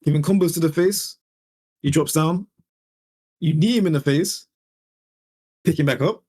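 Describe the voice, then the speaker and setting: A man's voice: fairly high pitch, normal speed, darkish tone, breathy edge. A young man co-hosting a podcast in casual chat, laughing often and acting out scenes as he retells them. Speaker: podcast co-host.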